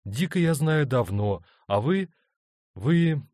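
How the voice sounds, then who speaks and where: A male reader plays a tender young wife caught between two loves, raising his voice above its natural pitch to a medium, softened tone. Her pleading, hesitant lines come slowly, animated, emotional and uncertain, in a storybook reading recorded dry and close.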